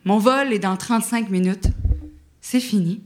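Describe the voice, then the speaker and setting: A young woman from Quebec with an Outaouais accent, telling a personal story with lively self-mockery and acting out her own pleas. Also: mid-range voice, a little slow, a little hiss or hum. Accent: Quebec French, Outaouais. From Quebec, Canada.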